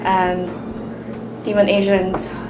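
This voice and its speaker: A woman's voice: mid-range voice, completely flat delivery, slow. A young woman from Hong Kong, a student, answering interview questions in a casual way with lots of "like". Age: young adult. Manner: casual, uses "like" often. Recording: echoey room with background noise.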